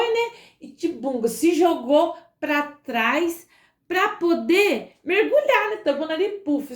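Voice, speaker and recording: A woman telling a dramatic story to children, animated, with sound effects and fillers. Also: high voice. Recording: roomy echo.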